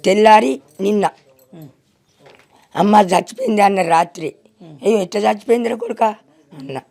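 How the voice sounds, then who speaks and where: A woman's voice: mid-range voice, animated, moderate pace, creaky, warm tone. A middle-aged woman with a Telangana Telugu accent, weeping as she tells a reporter about her loss, often crying out to God and to her son. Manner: lamenting, repeats cries to God and her son. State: weeping and wailing. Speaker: grieving mother interviewed. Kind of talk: emotional interview testimony.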